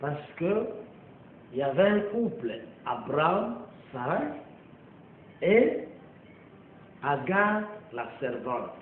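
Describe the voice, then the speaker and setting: A man preaching a sermon, slow and emphatic, with long pauses and repeated amens. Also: on the high side, big pitch swings, slight background noise. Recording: echoey, tinny lo-fi phone-like recording.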